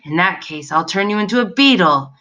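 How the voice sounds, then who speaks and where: A woman's voice: sing-song, measured pace, bright, forceful tone, muffled recording. A woman voicing a small, bossy male demon who shrieks and stammers threats, in a storybook reading. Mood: blustering. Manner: shrill, screaming, stammering threats.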